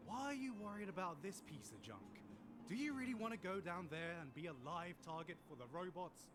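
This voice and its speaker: A sneering vagrant thug from a video game, scornful and scheming, with a lively, swooping pitch. Clear ambient noise hangs behind him. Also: male voice, brisk.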